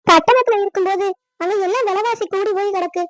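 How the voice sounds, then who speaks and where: Emotional, pleading village women in a cartoon, voiced by a woman. The voice is very high, almost childlike, and every line leans on feeling. The sound is dry and close, with no room around it. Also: fast talker, no echo. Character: adult village women, sisters and wives. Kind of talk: cartoon dubbing.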